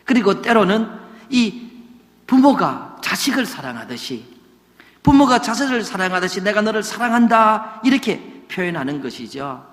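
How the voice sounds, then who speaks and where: Animated preaching man, lively pitch. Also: long reverb tail. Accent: Gyeongsang Korean. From Gyeongsang region, Korea. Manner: animated preacher, mimics regional dialects for humor. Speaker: senior pastor. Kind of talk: sermon.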